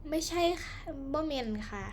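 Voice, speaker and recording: A woman hosting a gaming channel, chatting playfully in casual gameplay commentary with an Isan Thai accent and laughing often. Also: normal speed.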